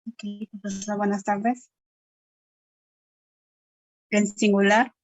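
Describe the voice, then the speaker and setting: A woman's voice: mid-range voice, level tone, no room sound, highs cut off. A woman student in an online class, politely and carefully reading word forms aloud for her teacher. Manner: polite, careful, reads words slowly.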